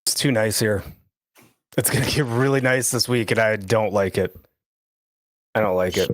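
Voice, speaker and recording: A man's voice: fairly low pitch, steady tone, normal speed. A man in his forties co-hosting a podcast, chatting casually in a rambling, self-mocking way. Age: 40s. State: sore foot. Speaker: podcast co-host. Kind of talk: casual chat.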